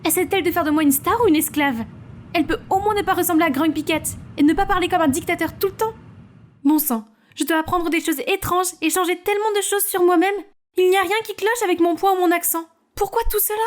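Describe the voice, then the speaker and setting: A woman's voice: very high voice, quick pace, pitched above the performer's own voice. A woman voicing a tired teenage girl who complains in exasperation. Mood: exasperated. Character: weary teenage girl, worn out and fed up.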